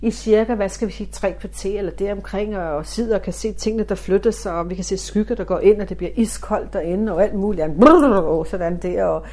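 A middle-aged woman from Denmark, a spiritualist medium, telling a story in an animated way and acting out the dialogue in different voices. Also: medium pitch, hardly any pauses. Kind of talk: storytelling talk.

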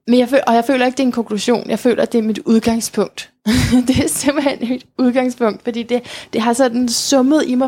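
A woman thinks aloud in a relaxed conversation, searching for words and restarting her sentences. Her voice is fairly high and husky. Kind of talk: casual reflective conversation.

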